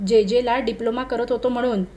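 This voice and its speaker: A woman's voice: on the high side, steady tone, brisk, a little mellow, lightly acted. A woman reading the lines of a young man, a struggling commercial artist, who answers curtly and grows irritated. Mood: earnest. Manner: protests and snaps in exasperation.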